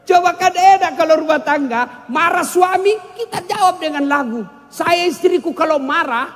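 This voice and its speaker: Guy preaching a funny sermon, high voice, sings bits of songs, big echoey hall. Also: expressive, normal speed, fairly bright tone. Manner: jokey, sings snatches of songs, banters with the audience. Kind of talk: humorous sermon. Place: large hall with an audience.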